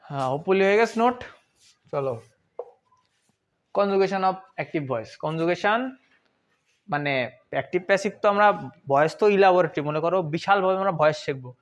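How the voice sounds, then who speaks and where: Young male tutor, slightly high voice, casual, answers his own questions. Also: moderate pace, long pauses. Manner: chatty and informal, asks questions and answers them himself. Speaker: English grammar teacher. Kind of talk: online grammar lesson.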